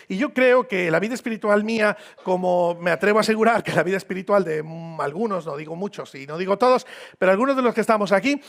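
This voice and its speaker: Gravelly high-voiced Mexican preacher man. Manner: informal, joking, repeats phrases for emphasis. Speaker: visiting pastor. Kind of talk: sermon. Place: church hall.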